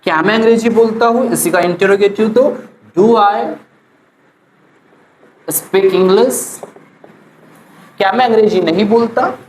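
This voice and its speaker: An Indian woman teaching English grammar to students, drilling sentence patterns slowly and often checking they follow along. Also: mid-range voice, darkish tone, reverberant, slight background noise, low-quality recording. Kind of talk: classroom grammar lesson.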